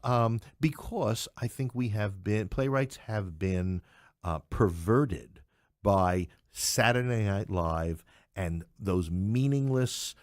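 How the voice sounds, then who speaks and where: A middle-aged New York City man, a playwright and English professor, speaks as a podcast guest in a conversational, opinionated interview. His voice is on the low side and he takes it slowly, emphatic and repeating phrases for stress. The recording is dry with clean studio sound.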